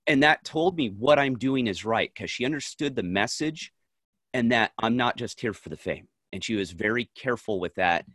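A man's voice: medium pitch, lively intonation, moderate pace, fairly bright tone, no echo, studio quality. A man co-hosting a podcast, speaking earnestly and emphatically in short, firm statements during a casual conversation. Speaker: podcast co-host.

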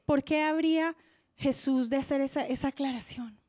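A woman preaching a sermon in a church, impassioned, swinging from loud declarations to hushed near-whispers. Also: high voice, normal speed, no room sound, studio quality.

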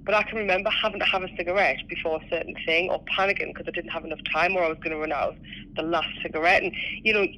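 A man who used to smoke, talking earnestly about quitting, with halting restarts. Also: on the high side, steady tone, highs cut off. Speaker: former smoker. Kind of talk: personal testimony.

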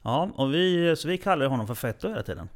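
A man from Sweden in casual chat, telling lively anecdotes and acting out the voices of people he quotes. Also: fairly high pitch.

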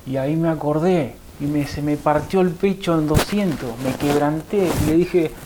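A man's voice: fairly high pitch, normal speed, noisy background. A man with a Rioplatense Spanish accent gives an emotional personal conversion testimony as a guest. He tells the story vividly and acts out what others said to him.

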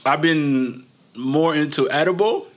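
A man's voice: fairly high pitch, measured pace. A man from Niger hosting a podcast in an informal, slangy way, chatting with rambling asides. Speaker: podcast host. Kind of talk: casual chat.

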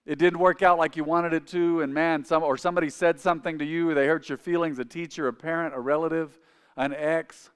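At a fairly quick pace, a forties-aged pastor preaches in a fairly high, clean voice with a steady tone, asking his congregation to repeat phrases after him. The recording carries the long reverb of a large church sanctuary.

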